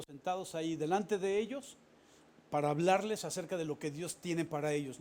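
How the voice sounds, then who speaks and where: A man, a pastor, giving a sermon with animated storytelling and casual asides to the congregation. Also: a little high, slight background noise.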